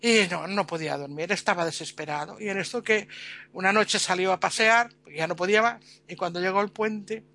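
A storyteller, retelling a tale in a lively, chatty way full of fillers. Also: medium pitch, brisk. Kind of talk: casual oral storytelling.

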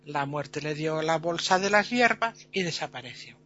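A man telling a folk tale in a lively, chatty way, full of fillers. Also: a little high, normal speed, highs cut off. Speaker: storyteller.

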